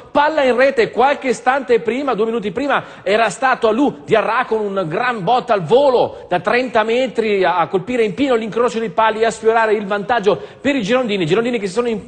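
A man giving excited, breathless running football commentary with goal calls. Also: extremely high pitch, in a large hall. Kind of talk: live play-by-play commentary. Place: TV studio desk.

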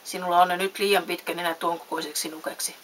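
A woman's voice: on the low side, flat delivery, close to an everyday voice. A woman voicing a talking cricket who acts as a worried conscience, crying out and scolding. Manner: loud scolding cries. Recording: faint hiss.

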